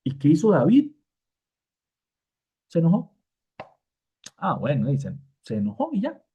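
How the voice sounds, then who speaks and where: A man giving a conversational Bible lesson in an informal manner. He fills pauses with "este" and briefly acts out the lines he quotes. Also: on the high side, wildly swooping pitch, mellow, breathy edge. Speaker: Bible teacher. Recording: tinny phone-like sound.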